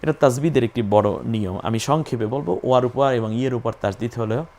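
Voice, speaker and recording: A man's voice: mid-range voice, brisk, darkish tone. A man teaching Quran recitation, patiently spelling out and repeating each letter and sound in a methodical lesson.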